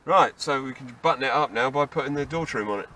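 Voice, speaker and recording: A man with a medium-pitched, sharp voice talks quickly as he restores an old car in a casual workshop how-to vlog, with slight background noise. He rambles, restarts often, and drops self-deprecating, wry asides.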